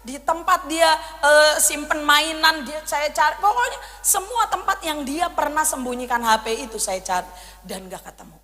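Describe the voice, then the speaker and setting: A woman in her thirties preaching a sermon, telling a personal story in a lively way and acting out her own pleas. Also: high-pitched, moderate pace. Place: church hall. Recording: long church hall reverb.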